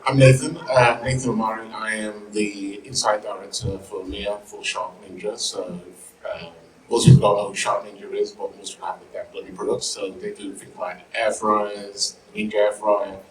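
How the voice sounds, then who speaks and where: Deep firm voiced guy chatting on a panel, jokey, echoey room, bit far from the mic. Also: flat delivery, moderate pace. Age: middle-aged. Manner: informal, joking, mild swearing. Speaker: panel speaker, insight director. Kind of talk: informal panel talk. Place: live panel event room, microphone.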